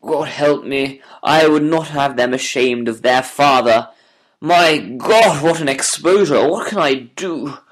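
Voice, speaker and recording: A man's voice: a little high, takes it slowly, poor audio. A man acting an anguished, well-spoken prisoner. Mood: despairing. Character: anguished, educated male prisoner, proud and ashamed. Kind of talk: audiobook character voice.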